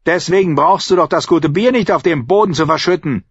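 A man voicing a motherly woman innkeeper who is firm but kind, his voice raised high and loud. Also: brisk, husky, dry recording, highs cut off. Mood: soothing, firm.

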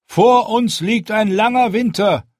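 A man's voice: high-pitched, a little slow, dry recording, clean studio sound, voice pushed up. Jon Snow, a man voicing a stern young commander. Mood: firm. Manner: forceful, rallying speech. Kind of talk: audiobook character voice.

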